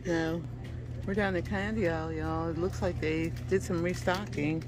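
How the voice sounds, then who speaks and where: A woman's voice: on the low side, fairly even intonation, measured pace. A woman hosting a casual shopping vlog, chatting to viewers on a handheld camera. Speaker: vlog host. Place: shop aisles and parking lot outside. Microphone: handheld camera or phone. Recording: noisy on-the-go store recording. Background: clear store and street noise.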